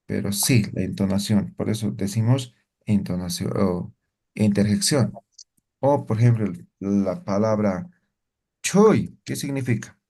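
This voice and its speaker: A man leads a language lesson at a slow, patient pace. He keeps asking the class questions and tacks on little checks for understanding. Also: fairly low pitch, vocal fry, mellow, breathy edge. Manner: slow, asks students questions often, tag questions. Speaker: Aymara language teacher. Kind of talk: interactive class explanation.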